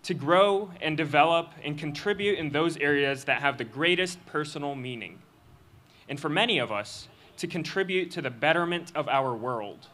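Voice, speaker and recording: Young guy at a graduation podium, reading his speech, bright voice pitched a bit high, earnest and steady. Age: young adult. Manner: earnest, measured delivery with occasional slips. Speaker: student commencement speaker. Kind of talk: formal prepared speech read at a podium. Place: outdoor stage of a graduation ceremony. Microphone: podium microphone.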